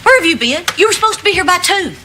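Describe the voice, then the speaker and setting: A woman's voice: extremely high pitch, animated, very fast, background noise. An actress playing a dry, sarcastic woman in a sitcom, a mother throwing a surprise party. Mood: wry. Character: wry, sharp-tongued woman. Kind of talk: multi-camera sitcom acting.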